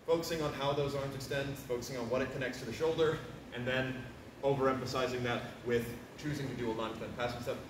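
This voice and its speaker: A man giving an instructional fencing demonstration, explaining movements and breaking them into short, crisp commands. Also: mid-range voice. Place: large echoey indoor training hall. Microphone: distant camera microphone. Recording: very echoey room, distant mic, faint noise.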